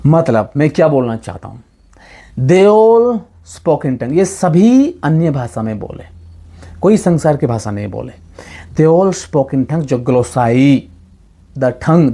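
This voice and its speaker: A man whose first language is Odia argues a point of Bible teaching. His pitch swings widely as he presses his case with rhetorical questions, dropping in English phrases along the way. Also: mellow. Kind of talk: argumentative Bible talk.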